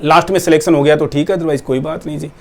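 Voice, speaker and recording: Male coaching teacher, high-pitched voice, forceful rhetorical lecture to students. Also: steady tone, fast. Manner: forceful, rhetorical, addresses viewers directly. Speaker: nursing exam coaching teacher. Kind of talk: persuasive talk to students.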